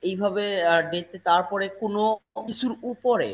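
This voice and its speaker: A man's voice: sits high, moderate pace. A man with a Bangladeshi accent, a student answering his teacher's questions hesitantly in class. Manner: hesitant, many fillers.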